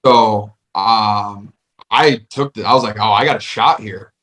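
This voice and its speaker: A man's voice: lowish voice, measured pace, a bit bright. A man, a football player, chatting upbeat on a podcast, often saying "like". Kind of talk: casual chat.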